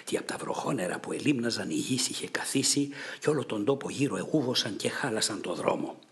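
A man narrating an audiobook of an epic poem in a measured, dramatic way. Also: medium pitch, animated, fairly bright tone.

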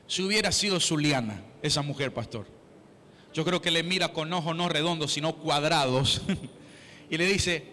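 A man preaches a fervent sermon in a high, bright voice and keeps calling on the congregation to answer. The sound is that of a large church hall, with long reverb behind each line. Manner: fervent, calls the crowd to respond. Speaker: pastor.

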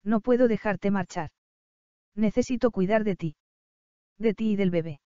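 A tender young prince speaks low and earnest in a hush, as a woman reads him in an audiobook. The tone is warm and smooth, and the recording sounds dull and lo-fi. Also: moderate pace, dry recording, lightly acted. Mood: pleading.

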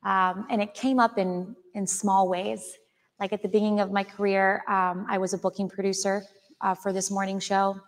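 Onstage in an auditorium, an author guest in her thirties, originally from Chile, answers interview questions earnestly before an audience. She speaks at a normal speed with medium pitch and a level tone, and the hall's reverb lingers long.

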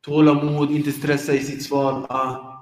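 Man preaching, informal religious talk, fairly high voice, lively, echoey hall with long reverb. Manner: lively, animated, acts out examples with laughs. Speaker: preacher giving a dawn reminder.

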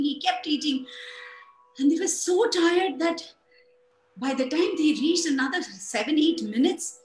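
A woman storyteller telling a folktale in an animated way, chanting sound effects along the way. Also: sits high, echoey room, slight background noise, rough recording.

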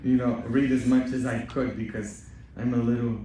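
Priest, middle pitch, preaching and joking with the pews, heard from afar in a very echoey church. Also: male voice, level tone, moderate pace, recorded from a distance, a little hiss or hum. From Poland. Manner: joking, bantering with the congregation, rising to loud exhortation. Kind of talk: Easter homily and parish announcements. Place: large church.

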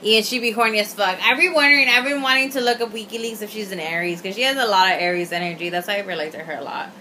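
A young adult woman gives a casual, opinionated video review from a small room at home, talking fast in a bright, forceful mid-range voice. She's tipsy and rambling, swearing emphatically, using slang, and mixing Spanish into her English. Faint room noise is audible.

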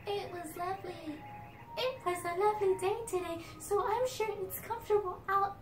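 A woman's voice: very high-pitched, moderate pace, background noise. A woman voicing a sweet, gracious young princess, reading the game text aloud politely. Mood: gentle. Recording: roomy, distant from the mic.

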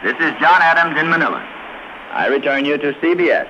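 A man's voice: a little high, lively intonation, sharp tone, slight background noise. Man reporting war news on 1940s radio. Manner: measured, formal reporting. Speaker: war correspondent. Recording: muffled 1940s shortwave radio.

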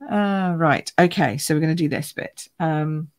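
Speaking in a low-pitched, croaky, unhurried voice, a woman chats her way through a live card-making demo at the craft table in her home craft room. As she stamps and colours, she welcomes viewers by name. There is no echo.

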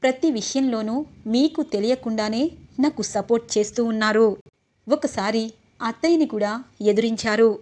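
A woman's voice: on the high side, moderate pace, a little mellow, lightly acted. A woman reading the part of a playful, devoted young wife in a retold serial scene. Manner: teasing, then tender.

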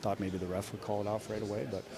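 A middle-aged man, a head coach, answering reporters after a game in a measured way, often restarting his sentences. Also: lowish voice, level tone, a crowd in the background. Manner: measured, frequent restarts and repeated words. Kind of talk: postgame press conference. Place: indoor media room before a sponsor backdrop. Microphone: cluster of handheld reporter mics.

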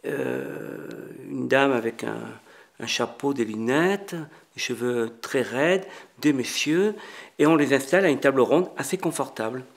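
A middle-aged man, a chef, telling an anecdote in an interview with lively acted-out dialogue and many restarts. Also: medium pitch, a little slow, creaky. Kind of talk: storytelling in an interview.

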